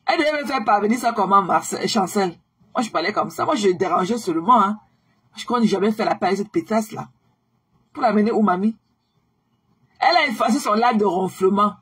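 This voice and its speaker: A weary woman chats casually with her live-stream audience. Her voice is husky and a little breathy, pitched in the middle. She circles back over the same phrases and mixes in bits of English. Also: animated, brisk, a bit bright. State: tired.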